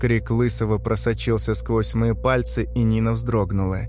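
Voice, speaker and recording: A man narrating a dark first-person story in a measured, grave, tense manner. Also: fairly low pitch, level tone. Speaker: audiobook narrator.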